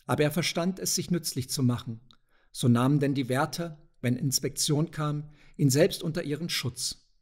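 A male audiobook narrator reading a classic novella. His telling is measured and expressive. His voice sits a little high for a man.

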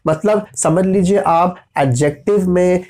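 A man's voice: high-pitched, a little slow, darkish tone. A man with teaching a grammar lesson, patiently spelling out letters and checking in often with his listeners. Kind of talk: explanatory lesson.

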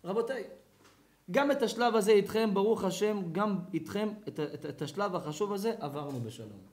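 Male rabbi, high voice, dramatic live sermon, roomy echoey hall. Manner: animated, dramatic, acts out scenes. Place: lecture hall or synagogue.

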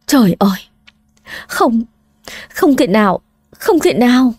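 A woman's voice: a little high, big pitch swings, takes it slowly, darkish tone, no echo, clean studio sound, full character voice. A woman voicing a distraught young wife in an audio story, pleading through tears. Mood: tearful. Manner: sobbing, pleading.

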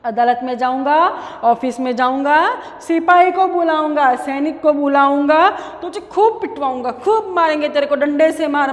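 A woman's voice: sits high, close to an everyday voice. A woman teacher voicing a clever, boastful male mouse who threatens people to get his way, in an echoey room. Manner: cocky, threatening.

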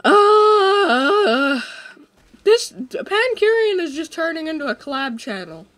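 A man's voice: extremely high pitch, slow pace. A young man hosting a co-op game session from his desk mic, joking and trailing off with fillers as he plays. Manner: excitable, jokey, trails off with fillers. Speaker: host. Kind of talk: casual gameplay chat.

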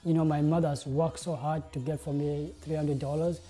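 A young South Sudanese game designer with a dark voice gives an earnest interview monologue to camera, his speech full of "uh" and "like." He talks at normal speed in a level, high-leaning tone, in an indoor studio with a plain backdrop and soft music behind him.

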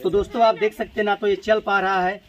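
The recording is noisy and its highs are cut off; a man from India, voice sitting high, flat and fast, narrates a village snake rescue to camera. He keeps saying "friends" to viewers and pleads urgently when the talking crowd of villagers threatens the snake.

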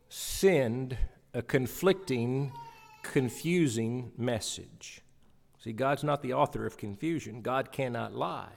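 This middle-aged preacher has a mid-range voice touched with vocal fry. He delivers a scripture sermon from the pulpit with emphasis, repeating phrases to give them weight, and the church hall makes the recording reverberant.

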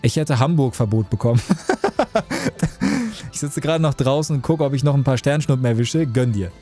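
A young man in casual live-stream chat with a mellow, relaxed tone. He jokes with his viewers and reads out their messages as he plays. Faint music runs behind him. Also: mid-range voice, quick pace.

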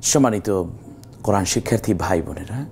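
A man teaching Quran recitation on a TV lesson, patiently explaining rules and slowly drawing out the recited examples. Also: on the low side, expressive, darkish tone, slight background noise. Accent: Bangladeshi Bengali.

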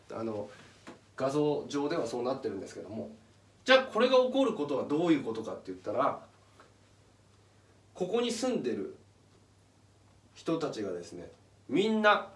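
A man giving a casual, step-by-step explanatory talk as channel host, pointing things out on a chart as he goes. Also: on the high side. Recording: echoey room, mic at a distance.

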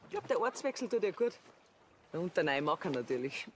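A woman's voice: on the low side, very animated, brisk, slight background noise. An actress playing a chatty, teasing landlady.

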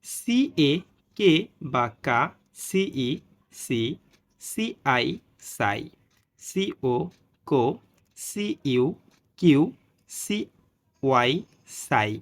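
Slow, patient male phonics teacher. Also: medium pitch, big pitch swings. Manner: slow, patient spelling-out of letter pairs; frequent "ঠিক আছে" check-ins. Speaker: English reading teacher. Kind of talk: spoken phonics lesson.

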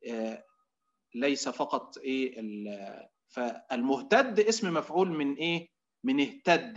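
A man teaching Quran recitation in an online lecture. He explains as he goes, gives drawn-out demonstration readings and fills his pauses with a filler word. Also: mid-range voice, a bit bright, lo-fi sound. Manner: often fills pauses with Egyptian "إيه".

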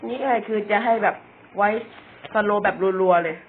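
A man's voice: high voice, normal speed. A young man giving casual, chatty commentary on a video game, joking about himself and often repeating words. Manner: chatty, self-mocking, stumbles and repeats words. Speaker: gamer. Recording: tinny phone-like audio with faint noise.

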